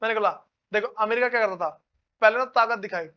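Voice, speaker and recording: A man's voice: sits high, quick pace, clear, resonant tone, dull audio. A man teaching a class in a casual lecture style, often checking whether his students follow and calling them brother. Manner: casual, keeps asking students if they follow; calls listeners "brother".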